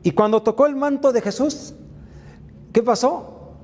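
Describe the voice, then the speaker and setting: A man's voice: very high-pitched, measured pace, a little mellow, in a large hall. A man giving a motivational faith talk, retelling Bible stories with frequent filler sounds. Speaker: faith mentor and speaker.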